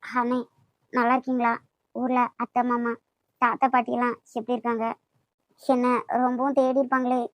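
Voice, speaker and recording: A woman voicing a fussy, sharp-tongued young woman in a cartoon, with a Kanyakumari Tamil accent. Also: on the high side, completely flat delivery, normal speed, long pauses, no room sound, lightly acted. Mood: gentle. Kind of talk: amateur cartoon voice acting.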